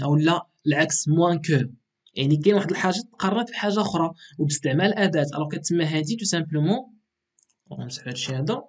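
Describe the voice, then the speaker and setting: A man with a Moroccan accent teaches an exam revision lesson at a fast clip. His voice sits a little high and has a husky edge. He explains patiently and keeps checking in with the class. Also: a little mellow. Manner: mixes Moroccan Arabic and French, explains patiently with frequent "ok".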